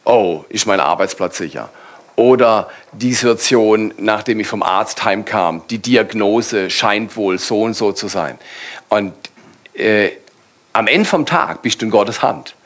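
A man leading a church panel as pastor, calmly encouraging and exhorting the congregation in sermon style. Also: fairly low pitch, unhurried.

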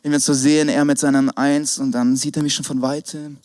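A man preaching an energetic sermon, swinging between shouts and hushed asides. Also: a little high, a little fast, no room sound. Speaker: pastor.

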